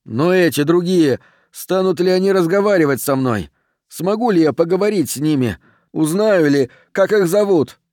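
A man's voice: fairly high pitch, lively intonation, normal speed, a little mellow, dry recording, clean studio sound, voice pushed up, natural voice. A man voicing an uneasy, lonely young man. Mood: anxious.

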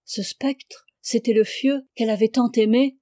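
A woman narrating a classic novel as an audiobook reader, in a calm, even, literary reading close to the mic. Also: a little high, measured pace, no room sound.

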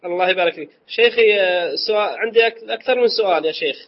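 A man's voice: high-pitched, very fast, lo-fi sound. A man calling in to ask a sheikh questions, eager and respectful. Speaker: caller asking questions.

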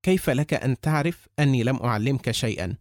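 A man voicing a shrewd, wealthy older businessman who speaks calmly and lectures in a measured way, in an audiobook. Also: mid-range voice, no echo, studio quality, natural voice. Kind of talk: audiobook character reading.

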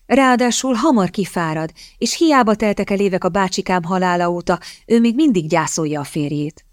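A woman reading aloud as a quick-witted young lady with feigned polite innocence, in a storybook reading. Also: mid-range voice, expressive, no echo, studio quality, lightly acted. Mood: sly polite. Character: sharp-witted young woman hunting a rich husband.

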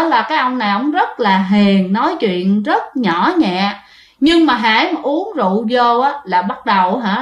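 Chatty high-voiced woman storyteller. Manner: chatty, addresses listeners, restarts often. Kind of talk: casual ghost-story narration. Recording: roomy echo.

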